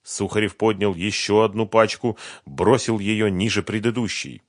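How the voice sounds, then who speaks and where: A man narrates a thriller in a very low, steady voice. The reading is even and measured. The recording is dry and close, with no room sound. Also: no room sound. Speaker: audiobook narrator. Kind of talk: scripted narration.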